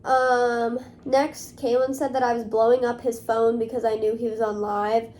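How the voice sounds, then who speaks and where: A woman's voice: a little high, flat delivery, normal speed, a little mellow, slight background noise. A young woman vlogging to camera in casual talk, rambling along with many fillers. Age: young adult.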